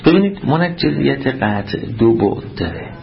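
A man's voice: medium pitch, sing-song, vocal fry, dull audio. A man teaching a seminary class, reading passages aloud and explaining them, often quizzing his students. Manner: reads Arabic text then explains it in Persian, quizzing students. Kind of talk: classroom lecture on jurisprudence.

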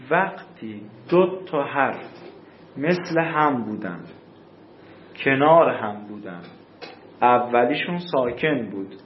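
A male teacher giving a classroom grammar lesson, explaining slowly and repeating rules, with questions for his students. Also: mid-range voice, roomy sound, highs cut off, slight background noise.

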